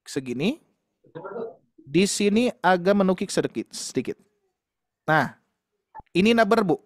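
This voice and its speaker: A man's voice: high voice, lively intonation, unhurried, no echo, clean studio sound. A man teaching Quran recitation in an online class, explaining patiently and demonstrating sounds with light laughs.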